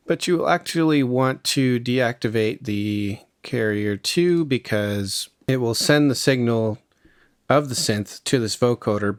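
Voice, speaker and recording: In a music production tutorial, a man walks through the steps in a casual, conversational way. His voice sits on the low side and is smooth, recorded with studio quality and no room sound.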